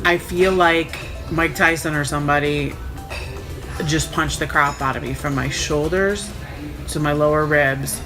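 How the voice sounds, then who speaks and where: A woman's voice: sits low, fairly even intonation, unhurried, music in the background. A woman sore and recovering from surgery tells her story casually, in a frank, wry, sarcastic way. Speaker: vlogger recounting own surgery. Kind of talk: casual first-person storytelling.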